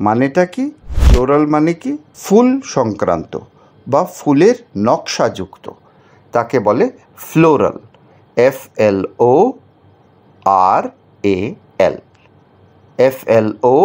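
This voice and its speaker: A man's voice: mid-range voice, very animated, slow, pauses often, a little mellow. A man teaching a children's spelling lesson, patiently spelling words out letter by letter and asking the viewers questions.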